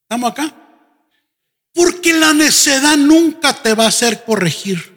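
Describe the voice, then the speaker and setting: A man preaching a sermon as pastor, animated and often mimicking congregants in quick asides. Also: very high voice. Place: church sanctuary. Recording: church hall with long reverb.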